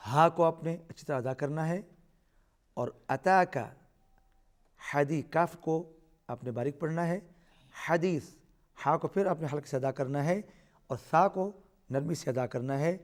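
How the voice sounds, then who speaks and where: A man with a high, smooth, resonant voice teaching a Quran recitation lesson. He chants each verse slowly and stretches the sounds. Between verses he rattles off the pronunciation rules.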